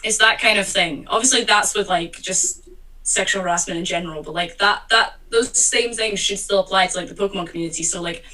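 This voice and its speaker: A woman's voice: mid-range voice, fairly quick, sharp tone, distant mic, rough recording. A woman guest in a casual conversation on a video call, rambling with lots of fillers and repeated words.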